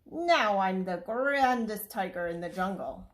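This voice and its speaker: A woman voicing a greedy, boastful jungle tiger in a storybook read-aloud, speaking slowly. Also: mid-range voice, expressive, natural voice.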